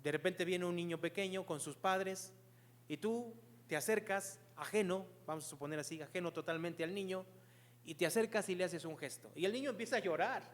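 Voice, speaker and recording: A man's voice: high-pitched, brisk, long reverb tail. A man preaching a sermon as pastor, earnestly explaining and asking the congregation rhetorical questions.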